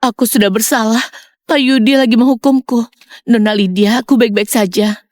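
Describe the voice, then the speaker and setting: A woman's voice: on the high side, fairly even intonation, normal speed, darkish tone, dry recording, studio quality, natural voice. A woman voicing a scheming, fawning household servant in a dubbed drama. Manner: sly and fawning.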